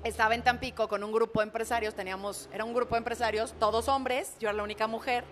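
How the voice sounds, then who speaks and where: A woman with a Mexican accent, a public speaker and announcer, telling anecdotes in a lively, colloquial, frank way in conversation. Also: a little high, fast talker, slight background noise. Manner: expressive, imitates heartbeats and screams. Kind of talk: animated storytelling in conversation.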